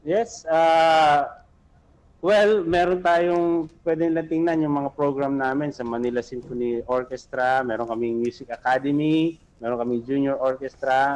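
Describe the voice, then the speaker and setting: A man's voice: medium pitch, darkish tone. A man who conducts an orchestra, speaking politely as a radio guest and mixing in English phrases, on a studio mic. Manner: polite, mixes English into his talk, hesitant with fillers. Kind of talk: casual radio interview.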